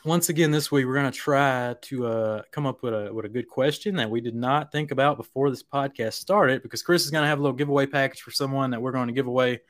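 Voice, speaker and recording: Man, podcast host, relaxed, easygoing, dry close sound. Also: medium pitch, fast, hardly any pauses, no echo. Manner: relaxed, easygoing banter with fillers. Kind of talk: casual podcast hosting.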